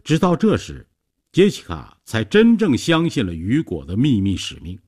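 A man narrates a story in a scripted, measured reading voice. His tone is slightly husky, and his pitch moves a lot, rising and falling through each sentence. He sounds like he is reading in a studio. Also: wildly swooping pitch, darkish tone.

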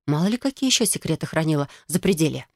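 A woman narrating a first-person fantasy audiobook in an even, wry storytelling manner. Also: low voice, fast talker, no room sound, studio quality.

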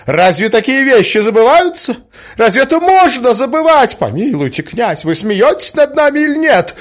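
Hectoring middle-aged woman as a man puts her on, shrieking, storybook reading, soaring pitch. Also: very animated, racing, pushed and bright, full character voice. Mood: indignant. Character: shrill indignant provincial matron, middle-aged woman. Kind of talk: audiobook character reading.

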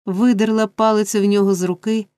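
A woman reads a classic story aloud in an even, steady narrating voice. Her tone is mellow and warm. The recording is dry and close. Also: medium pitch, fast talker, no room sound. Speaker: audiobook narrator. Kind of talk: scripted narration.

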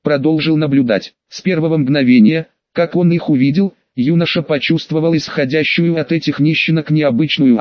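A man narrating an audiobook in an even, measured storytelling manner. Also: a little high, no room sound, dull audio.

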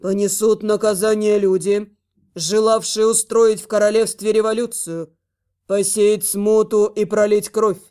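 Woman doing a stern young king, magically amplified voice, slow solemn proclamation, lowered dark tone, loud and distant. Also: level tone. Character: stern young male king addressing a crowd. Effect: voice magically amplified, carrying far over a square. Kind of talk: audiobook narration of a fantasy novel.

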